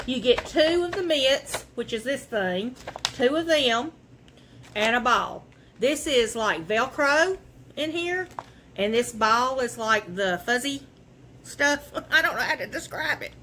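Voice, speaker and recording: A woman's voice: high-pitched, animated, slow, bright, forceful tone, slight background noise. A woman, chatting folksily from her living room as she shows off her thrift finds to the camera. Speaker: vlogger showing a thrift haul. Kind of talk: casual show and tell.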